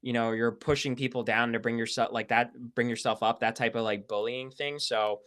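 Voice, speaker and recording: A man hosting a casual podcast, speaking thoughtfully with hesitant pauses and fillers. His voice is smooth and resonant. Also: medium pitch, steady tone, fairly bright tone. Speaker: podcast host. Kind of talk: casual discussion.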